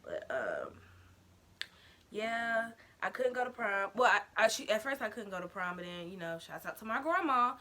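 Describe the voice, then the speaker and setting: Young woman doing a storytime vlog, bright voice, chatty and slangy, bit of background hiss. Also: medium pitch, normal speed. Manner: animated, slangy storytelling, addresses viewers as y'all. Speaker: vlogger.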